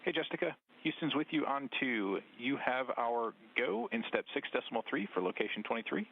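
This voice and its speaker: Gravelly man on a crackly space radio. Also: medium pitch, expressive, brisk. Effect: crackly space radio communicator. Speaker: mission control radio operator. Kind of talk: clipped radio procedure talk. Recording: tinny radio loop with hiss.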